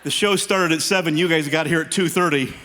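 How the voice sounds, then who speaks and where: Male stand-up comic, fifties, high-pitched, forceful bright tone, animated, teasing, live audience. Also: brisk. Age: 50s. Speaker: stand-up comedian. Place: live stage show before an audience.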